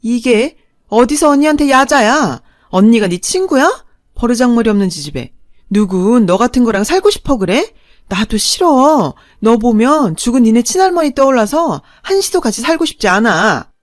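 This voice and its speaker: Woman voicing a bitter elderly mother, shrill scornful scolding, radio drama, very dry close sound. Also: big pitch swings, normal speed, darkish tone, no room sound.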